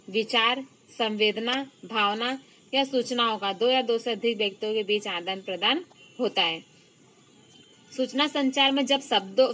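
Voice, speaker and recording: Woman teacher, online lecture, slightly high voice, patient, repeats key terms. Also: poor audio. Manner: loud, stressed example phrases.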